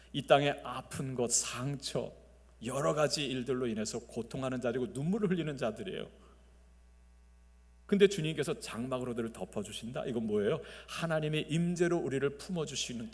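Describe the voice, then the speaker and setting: A male pastor preaching a Sunday sermon, swinging between loud emphasis and soft, quiet phrases, and leading the congregation to repeat after him. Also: medium pitch. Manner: leads the congregation in call-and-response. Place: large church sanctuary. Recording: long reverb of a church sanctuary.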